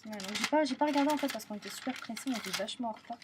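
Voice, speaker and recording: Gushing young woman with a high voice. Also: racing, noisy background. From France. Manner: gushing, repeats words and trails off. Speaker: vlogger. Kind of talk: casual travel vlog chat.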